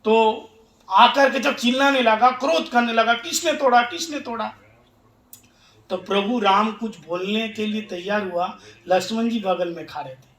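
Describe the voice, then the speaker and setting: Brief: male preacher, high bright voice, lively storytelling, echoey hall. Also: moderate pace, recorded from a distance. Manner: animated, acts out the scenes. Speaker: monk preacher. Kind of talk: devotional storytelling sermon.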